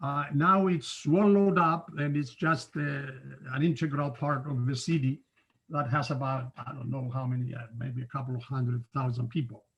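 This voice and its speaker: A man in his seventies from Cyprus, giving an informal online talk from his home study over a video call, unhurried and conversational with frequent filler pauses. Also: mid-range voice, steady tone, creaky. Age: 70s. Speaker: guest scientist speaker. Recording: dull lo-fi video call audio.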